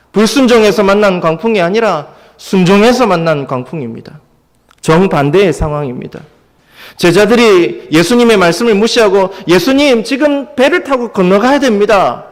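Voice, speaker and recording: A man preaching a Sunday sermon as pastor, now and then acting out the voices of the people in the story with raised intensity. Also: sits high. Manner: dramatizes the disciples' cries in a raised voice. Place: church sanctuary. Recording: long church hall reverb.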